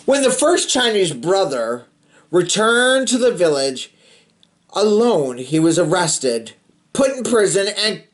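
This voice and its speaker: A man hosting a read-aloud show for kids narrates a picture book with expression, tossing in playful, chatty remarks to young listeners. His voice sits high, has a sing-song quality, and moves at a slow pace.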